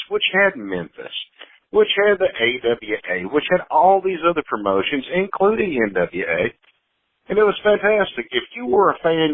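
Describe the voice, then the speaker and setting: A man from Georgia tells animated stories as a guest and jokes as he goes. His voice rises and falls widely, and it comes over a dry, phone-like line. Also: mid-range voice, dry recording. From Atlanta area, Georgia. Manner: joking, animated storyteller. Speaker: podcast guest. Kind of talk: casual interview.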